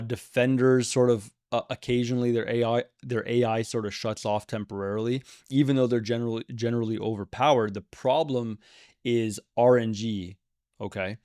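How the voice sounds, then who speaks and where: A man's voice: mid-range voice, darkish tone, smooth, dry recording. Emphatic man in a dry room. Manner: emphatic, repeats words for stress, says okay often. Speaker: gaming video creator. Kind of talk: opinionated commentary to camera.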